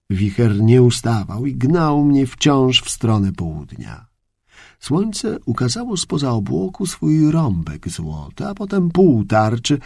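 Gravelly, lively male storyteller. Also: mid-range voice, no room sound, studio quality. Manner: expressive, storytelling delivery. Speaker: audiobook narrator. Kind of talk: scripted first-person story narration.

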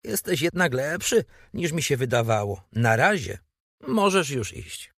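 A man's voice: on the high side, very animated, a little slow, fairly bright tone, no echo, clean studio sound, voice pushed up, full character voice. Aunt Polly, a man voicing a prying old aunt. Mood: grudging. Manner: probing, sly questioning. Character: fussy, scheming elderly aunt.

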